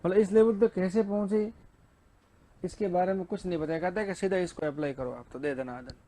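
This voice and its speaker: A man's voice: high voice, fairly quick, mellow. A male teacher giving an exam-prep lecture, asking and answering his own questions and reading English lines in a Hindi accent.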